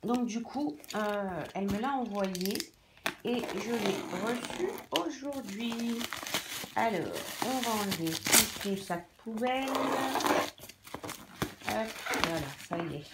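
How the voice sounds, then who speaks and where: A woman chatting casually as she unboxes a craft kit, rambling with many fillers, filmed on a phone indoors. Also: on the high side. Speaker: hobby vlogger. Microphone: phone camera. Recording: loud crinkling and handling noise.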